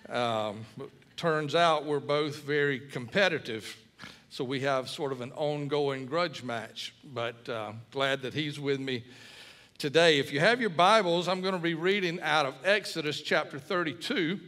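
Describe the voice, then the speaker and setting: A middle-aged man from Mississippi, preaching a sermon as a guest pastor in a folksy storytelling manner. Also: medium pitch. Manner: folksy, warm storytelling with fillers.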